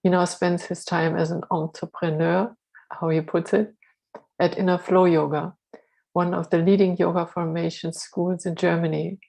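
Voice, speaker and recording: Flat, gravelly woman introducing a speaker. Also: lowish voice, rough recording. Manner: earnest, with slips and self-corrections. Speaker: symposium presenter introducing a speaker.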